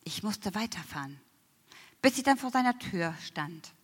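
A woman giving a personal faith testimony, emotional, often slowing down and dropping to near whispers. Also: mid-range voice, expressive, breathy edge. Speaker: church member giving testimony. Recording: long hall reverb.

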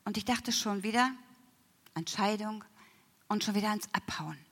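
A woman giving a personal faith testimony, emotional, often slowing down and dropping to near whispers. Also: medium pitch, a bit bright. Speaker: church member giving testimony. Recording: long hall reverb.

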